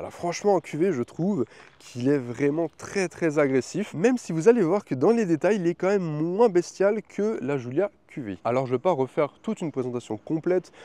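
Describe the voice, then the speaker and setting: A man's voice: fairly high pitch, warm tone. A man presenting a chatty, enthusiastic car review, talking from the driver's seat and then beside the car.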